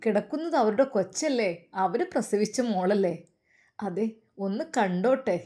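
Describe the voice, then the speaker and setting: A woman voicing a kind male doctor who speaks in a measured, reasoning way. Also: medium pitch, lively intonation, mellow, natural voice.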